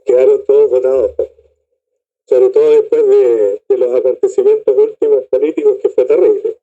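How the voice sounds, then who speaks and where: A Chilean man with a Chilean accent, a guest on a radio interview, telling his memories in a reflective, measured way. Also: mid-range voice, steady tone, mellow. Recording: dull lo-fi call audio.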